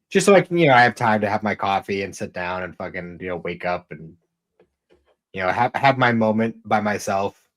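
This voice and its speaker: Podcast co-host, man in his thirties, lowish voice, loose and rambling, curses freely. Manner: rambling, swears often, many fillers. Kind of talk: casual chat.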